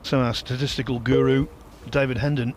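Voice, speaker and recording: A man's voice: mid-range voice, little pitch movement, a little fast. A man giving live commentary on a snooker match. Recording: light background noise.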